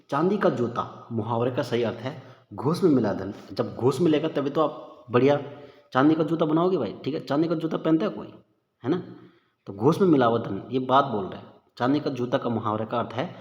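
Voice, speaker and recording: A man teaching a casual exam-prep lesson, chatty and informal, calling listeners "bhai" and thinking aloud as he works through the questions. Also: mid-range voice. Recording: echoey room with long reverb, dull lo-fi sound.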